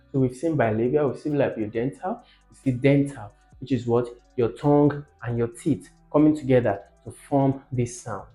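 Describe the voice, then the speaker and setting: His voice sits in the mid-range and is slightly mellow, and he is giving a lesson: explaining step by step, questioning his listeners, and repeating important words for emphasis. Faint music can be heard in a muffled, echoing room.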